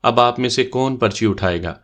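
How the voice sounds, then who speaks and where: A man's voice: medium pitch, fairly bright tone, close to an everyday voice. A man voicing a mischievous young man who leads a party game and teases his sister, in a bantering tone. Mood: teasing. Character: teasing playful young man, game leader.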